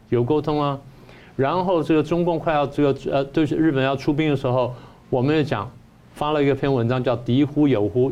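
A man's voice: medium pitch, a little mellow, dull audio. A man, a professor giving political commentary who argues his point through repeated rhetorical questions. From Taiwan.

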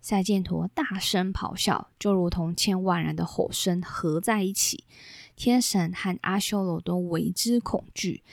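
A woman hosting a podcast, steadily retelling old myths in a measured storytelling way. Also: mid-range voice, dry recording, clean studio sound. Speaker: podcast host.

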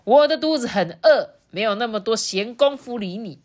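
A woman's voice: medium pitch, very animated, moderate pace, a bit bright. A woman voicing a rude, hungry male elephant bully who sneers and snorts as he talks. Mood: sneering.

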